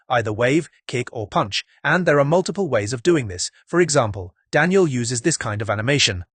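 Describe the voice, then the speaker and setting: Chatty male tutorial host, slightly raspy, medium pitch, dry close-mic voice-over. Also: fairly bright tone, no echo. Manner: upbeat, chatty, jokey asides to viewers. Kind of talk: casual step-by-step tutorial.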